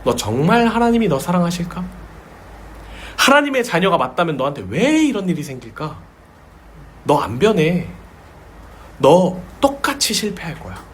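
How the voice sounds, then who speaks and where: A man's voice: sits high, very animated, normal speed, pauses often, a little hiss or hum. A man voicing a taunting male tempter spirit in a sermon, speaking in a mocking, questioning tone. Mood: whispering.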